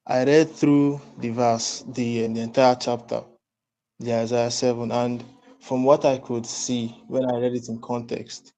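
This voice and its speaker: A man calling into an online stream, talking in a halting way and repeating his words, his voice coming through lagging, time-smeared internet call audio. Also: mid-range voice, warm tone, rough recording. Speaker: caller.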